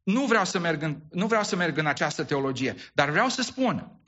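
High, bright-voiced preacher in a sermon. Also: male voice, very animated, muffled recording. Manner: rhetorical questions to the congregation; repeats phrases, stumbles and restarts words. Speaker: pastor.

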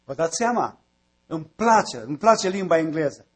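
A man's voice: a little high, expressive, slightly rough. A man preaching a sermon, building to emphatic repeated phrases.

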